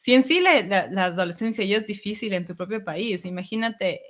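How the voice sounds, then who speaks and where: Co-host from Ecuador, mid-pitched voice, thoughtful casual chat. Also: brisk. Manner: thoughtful, storytelling, animated asides. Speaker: podcast co-host. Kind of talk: casual conversation.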